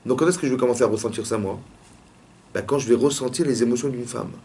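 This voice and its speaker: Fast-talking rabbi questioning his class. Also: medium pitch, a little mellow. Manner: fires repeated questions at students. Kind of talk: interactive religious lesson. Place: classroom with students.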